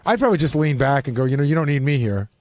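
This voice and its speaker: This man talks at a rapid-fire clip with an expressive, medium-pitched voice that's a little mellow, recorded dry. On a radio studio panel where he's also on staff, he speaks conversationally and bluntly, cursing freely while sharing opinions.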